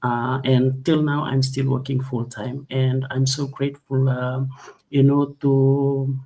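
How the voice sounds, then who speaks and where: Interview guest: woman from Fiji, hesitant delivery, flat even pitch. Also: takes it slowly. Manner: hesitant, many fillers. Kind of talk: online interview.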